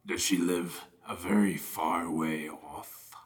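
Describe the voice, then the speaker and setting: Man doing a soft-spoken crafty wolf. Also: steady tone, takes it slowly, music in the background. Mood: sly. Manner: low, soft and whispery. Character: crafty polite male wolf, soft sly voice.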